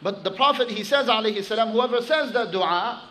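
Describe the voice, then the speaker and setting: A man preaching a sermon to his congregation, telling a story with animated emphasis and quickly reciting Arabic phrases. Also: high-pitched, a little hiss or hum, low-quality recording.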